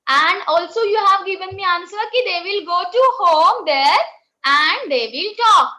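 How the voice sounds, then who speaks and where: A woman's voice: very high voice, expressive, sharp tone. A woman schoolteacher with an Indian English accent, leading a lesson for young children and checking in often with "okay?". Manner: slow, coaxing teacher talk with many checks of "okay?". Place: classroom.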